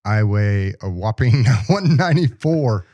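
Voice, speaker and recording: Mellow-voiced joking podcast co-host man. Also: fairly low pitch, animated, measured pace, no room sound. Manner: jokey, laughs a lot, teasing. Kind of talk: casual podcast banter.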